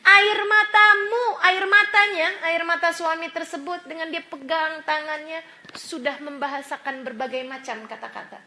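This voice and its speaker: Woman teacher preaching to ladies, high bright voice, storytelling, laughs a lot. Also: steady tone, normal speed, a little hiss or hum. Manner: storytelling, acts out quoted voices, laughs often. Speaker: religious teacher. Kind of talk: sermon to women.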